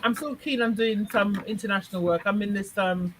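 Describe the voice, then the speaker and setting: A woman guest in casual conversation, chatty and quick to laugh, often restarting her sentences. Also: mid-range voice, a little hiss or hum, poor audio. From Jamaica. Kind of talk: casual chat.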